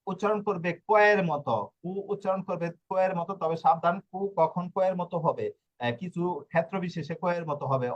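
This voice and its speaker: A man's voice: on the high side, dull audio. A man teaching a language lesson, going over each letter again and again and often stopping to check that students follow. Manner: repetitive, stops to ask "ঠিক আছে?". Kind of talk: teaching Italian letters to Bengali speakers.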